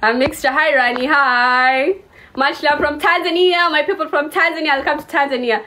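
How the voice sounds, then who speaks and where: A woman's voice: high-pitched, normal speed, sharp tone, a little hiss or hum. A woman in her twenties from Kenya, chatting casually and teasing her viewers on a live stream. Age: 20s. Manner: playful teasing, mixes English and Swahili.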